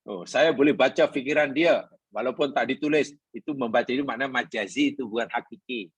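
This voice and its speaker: A man's voice: medium pitch, brisk, breathy edge, dry recording. A man with a Malaysian Malay accent teaching a Quran class, explaining patiently, repeating his points and asking the congregation questions. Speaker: religious teacher.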